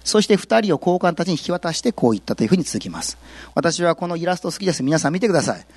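A male pastor giving a sermon, telling the story with lively, acted-out quotes. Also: a little high, racing, slightly rough, no room sound. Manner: animated storytelling, acts out quotes.

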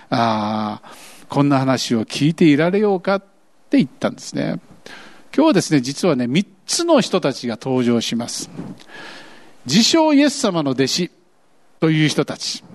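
A man preaching a sermon as pastor, acting out grumbling voices as he tells it, with a lilt. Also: sits high. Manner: animated, acts out quoted grumbling voices.

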